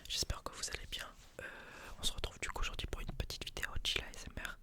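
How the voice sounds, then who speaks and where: Whispering young man, quiet at night. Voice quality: breathy whisper. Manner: quiet, unhurried late-night murmur; informal, hesitant, rambling. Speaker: ASMR video creator and streamer. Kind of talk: ASMR, casual chat.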